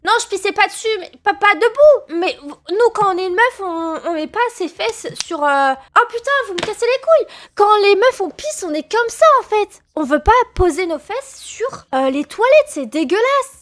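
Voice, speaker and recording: Give me an excitable young woman streamer with a very high voice, telling a story to her chat. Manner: excitable, swearing, laughing, greeting chat mid-story.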